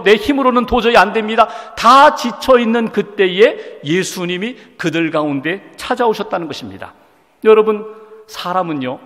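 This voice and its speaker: Man preaching a sermon, high voice, animated pitch, long hall reverb. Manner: preaching with rhetorical questions to the congregation. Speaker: pastor. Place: church sanctuary.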